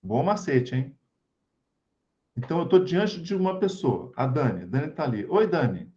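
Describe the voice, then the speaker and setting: This spiritist study group speaker, a man with a Brazilian accent, gives a casual spiritual talk by video call and keeps checking in with tag questions. He sounds fairly high, animated and warm, at a moderate pace, though the recording's highs are cut off.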